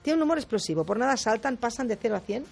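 A woman speaking as a guest on a radio talk show, explaining in a lively way, acting out quotes and often adding quick tag questions. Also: a little high, creaky, faint music behind. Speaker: guest speaker on difficult personalities.

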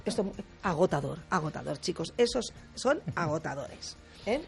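A woman speaking as a guest on a radio talk show, explaining in a lively way, acting out quotes and often adding quick tag questions. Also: deep voice, vocal fry, soft background music. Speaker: guest speaker on difficult personalities.

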